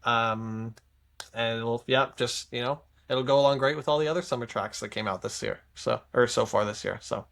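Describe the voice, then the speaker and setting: Chatty guy cohost, mid pitch, rambles on with lots of likes and ums. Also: moderate pace, gravelly, a bit bright. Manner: chatty, rambling with fillers and tangents. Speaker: podcast co-host. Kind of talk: casual chat reviewing songs.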